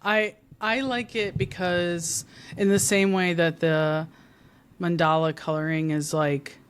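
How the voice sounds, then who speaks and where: A woman's voice: on the low side, fairly even intonation, slow, smooth. Giggly, rambling marketing expert woman. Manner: bubbly, giggly, rambling with many fillers. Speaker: podcast guest, marketing expert. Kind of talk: casual podcast conversation.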